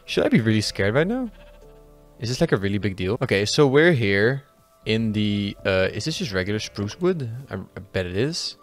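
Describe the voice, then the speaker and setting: A young man narrating his game run in a lively, swooping voice that leaps up and drops low as things surprise him. He swears freely and keeps talking to his viewers, with faint music playing underneath. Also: moderate pace. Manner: excitable, swears, talks to viewers. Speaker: gaming YouTuber. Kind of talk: let's-play commentary.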